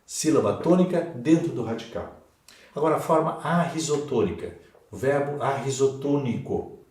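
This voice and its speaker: A Brazilian man teaching a Portuguese grammar lesson for exam prep, in a slow and emphatic way. He repeats key words and checks in with the class. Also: medium pitch, darkish tone. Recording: echoey room.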